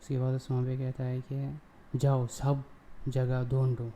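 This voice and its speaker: A man hosting his own channel, recapping a TV drama episode in casual, halting speech with frequent fillers and self-corrections. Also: medium pitch, completely flat delivery, warm tone, a little hiss or hum.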